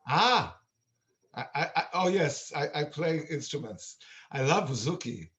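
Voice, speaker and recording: An older man from Israel, now a musician, talking earnestly and haltingly with many fillers on a video call. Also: a little high, lively intonation, a bit bright. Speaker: musician and meditation guest. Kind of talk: casual video-call chat. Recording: dull lo-fi video-call audio.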